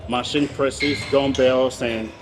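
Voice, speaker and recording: Male bodybuilder, gym bro delivery, casual chat, medium pitch, clear music in the background. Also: steady tone, takes it slowly. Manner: gym bro talk, hype and slang. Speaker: professional bodybuilder. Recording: music playing behind.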